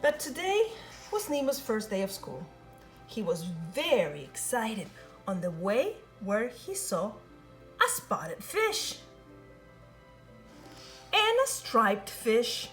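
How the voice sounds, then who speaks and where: Faint, soft music sits behind a woman reading a children's picture book as a storybook reader. Her higher voice swoops in expressive sing-song, and she takes it slowly, pausing often and drawing out each line.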